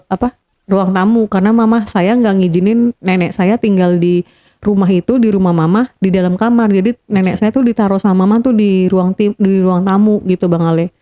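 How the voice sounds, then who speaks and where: A woman with a mellow, mid-range voice speaks as a guest, recounting a painful family story in sincere first-person detail. She acts out quoted dialogue and repeats key points to drive them home.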